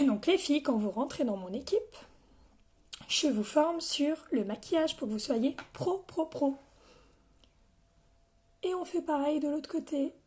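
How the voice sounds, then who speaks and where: A woman's voice: high voice, expressive, a little slow, pauses often. A young woman chatting through a live makeup tutorial, greeting viewers by name and coughing now and then. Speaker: makeup seller training her team.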